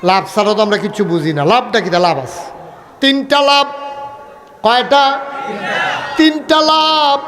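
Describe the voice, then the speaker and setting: A man preaching a waz sermon in colloquial speech, firing questions at the crowd for answers and rising to shouts and chanted lines. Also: a little high. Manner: calls questions to the crowd for replies; lively, rises to shouts, chants some lines. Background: crowd at an open gathering.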